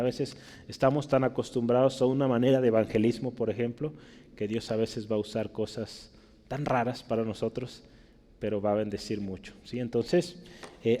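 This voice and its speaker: A man's voice: medium pitch, a little mellow, big-room sound. A man with a Mexican Spanish accent preaching a conversational sermon, often checking in with his listeners. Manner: conversational teaching, frequent tag questions.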